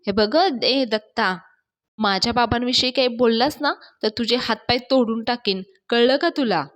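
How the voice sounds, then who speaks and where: A woman voicing an angry young man who shouts and threatens. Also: a little high, moderate pace, close to an everyday voice. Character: hot-tempered young man, protective of his father.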